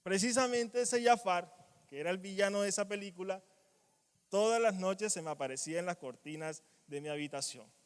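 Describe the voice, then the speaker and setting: A man preaching a sermon in a church, animated, acting out quoted cries and dropping to quiet asides. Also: sits high, fairly quick, smooth. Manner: animated, acts out quoted voices, strong swings in loudness. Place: church hall. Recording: long church reverb.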